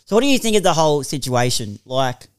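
A man's voice: fairly high pitch, sing-song, fast talker, clean tone. An Australian man hosting a podcast in casual, matey banter. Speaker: podcast host.

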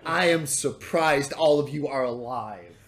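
A man's voice: medium pitch, measured pace, a bit bright, natural voice. A man voicing a stern, weary talking monkey in a tabletop game.

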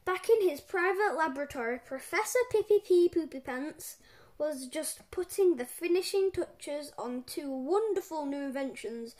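A woman reading a children's book aloud in an animated, playful way. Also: sits high, moderate pace. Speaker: storyteller.

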